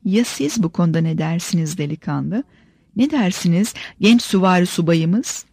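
A woman reading an audiobook, voicing a forceful old cavalry colonel who speaks emphatically and draws out his words. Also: fairly low pitch, expressive, normal speed, breathy edge, no echo, studio quality. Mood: emphatic.

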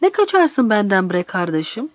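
A woman voicing a calm, plainspoken grown man, a traveler in a story. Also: mid-range voice, moderate pace, no room sound, natural voice. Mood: plain. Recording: dry, slightly dull recording.

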